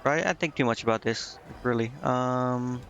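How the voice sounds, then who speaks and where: Speaking at medium pitch and moderate pace with a slightly bright tone, a man offers hesitant, vague, wandering commentary on a game stream, including reading dialogue aloud. The recording is from a dull lo-fi mic with clear background noise.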